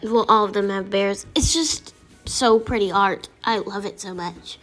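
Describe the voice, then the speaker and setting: A woman doing a casual food-review voiceover, excitable and gushing over the food, with music behind her. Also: medium pitch, measured pace, low-quality recording.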